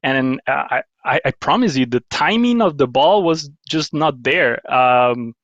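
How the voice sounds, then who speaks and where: A man's voice: mid-range voice, animated, measured pace, fairly bright tone, dry recording. A man from Guatemala, chatting as a podcast guest, rambling with restarts and self-deprecating laughs. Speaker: guest, paddle company owner. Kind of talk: casual interview chat. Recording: slightly dull lo-fi sound.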